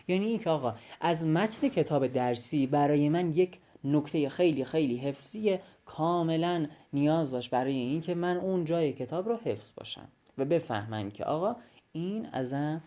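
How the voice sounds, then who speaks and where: A man's voice: fairly high pitch, mellow. A young man recording a voice-message biology lesson, explaining step by step, repeating key phrases and talking straight to his students. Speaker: biology study tutor.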